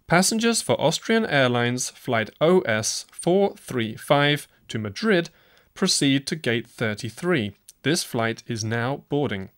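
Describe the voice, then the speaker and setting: Male announcer, mid pitch, formal and clear, reads airport notices. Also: very animated, takes it slowly, fairly bright tone. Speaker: announcer in a listening exercise.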